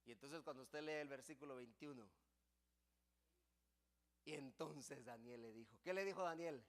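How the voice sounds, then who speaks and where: A man preaching a sermon in church, impassioned, swinging between loud passages and hushed ones. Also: mid-range voice, moderate pace. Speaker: pastor.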